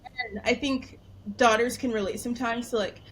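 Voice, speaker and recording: A young woman with a slightly high voice tells a personal story in relaxed conversation. She is animated and laughs easily, and "like" runs all through her speech. A faint noise floor sits under the recording. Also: moderate pace. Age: young adult. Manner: animated, laughing, heavy use of "like". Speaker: guest storyteller. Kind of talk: casual interview chat.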